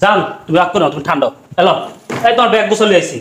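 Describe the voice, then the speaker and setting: A man's voice: high voice, lively intonation, very fast. An actor playing a brusque young husband who throws his father out to please his wife. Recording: echoey room.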